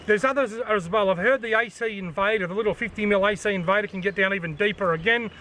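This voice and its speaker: Fast and forceful, an Australian man in his forties hosts a fishing channel by a forest edge, speaking in a bright, high-pitched voice with slight background noise. The camera sits on a tripod at chest height while he chats practically and repeats the key points.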